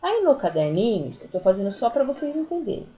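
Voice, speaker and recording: Patient Brazilian teacher with lively pitch. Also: female voice, slight background noise, poor audio. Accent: Brazilian Portuguese. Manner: slow, patient explaining with diminutives and counting aloud. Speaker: primary school teacher. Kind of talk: recorded remote class lesson.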